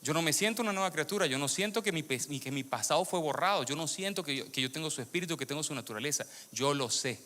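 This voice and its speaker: Bright-voiced Venezuelan-born man preaching. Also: a little high, fast talker, hardly any pauses. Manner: lively, questions the audience, repeats phrases for emphasis. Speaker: preacher giving testimony. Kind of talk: sermon testimony to a congregation. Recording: long hall reverb.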